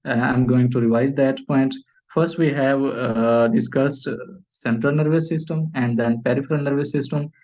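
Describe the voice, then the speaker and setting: Speaking English as a native Urdu speaker from Pakistan, this lecturer covers medical material with frequent filler pauses, repeated phrases, and self-answered questions. The pitch is medium, the tone steady and somewhat dark, captured on a rough recording.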